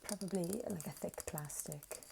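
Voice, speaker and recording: An ASMR video creator, a woman with a lowish, creaky voice, softly and casually describes objects at a slightly slow pace, often slipping into a whisper. The close recording is very noisy, full of tapping, clicking, crinkling and rattling from the objects she handles.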